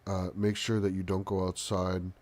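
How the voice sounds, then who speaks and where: Soft spoken guy doing live commentary, really low voice, lots of ums and pauses. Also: monotone. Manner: halting, frequent pauses and ums. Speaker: live talk show host. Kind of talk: live stream commentary, casual.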